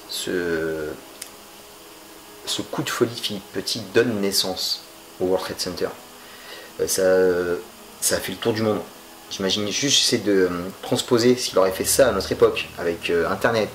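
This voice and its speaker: A man's voice: sits low, moderate pace, slight background noise, poor audio. A man giving a casual, chatty and slangy film review, full of jokes. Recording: music playing under voice.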